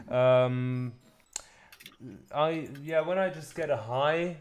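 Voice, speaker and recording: A man streaming live game development, chatting casually and thinking aloud in a hesitant, soft-spoken way. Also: fairly high pitch, extremely slow. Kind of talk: casual chat while working.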